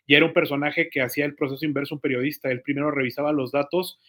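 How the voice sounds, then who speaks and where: A man's voice: medium pitch, pushed and bright. Reflective man, podcast chat. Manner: reflective, tells anecdotes with hesitations. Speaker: journalist. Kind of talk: podcast conversation.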